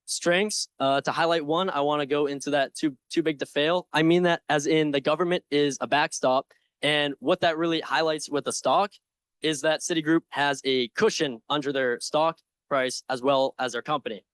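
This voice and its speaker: A young man confidently and earnestly giving a prepared investment pitch with slides, with some informal asides. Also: fairly even intonation, moderate pace, a bit bright, no room sound. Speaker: presenter in a stock pitch competition.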